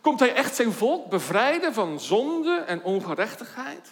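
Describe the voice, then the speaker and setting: A man with a high-pitched voice delivers a sermon, working through scripture in a measured, deliberate way and posing question after question. His voice carries a long reverb, as in a church hall. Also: sing-song. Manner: measured Bible exposition with rhetorical questions. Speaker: preacher.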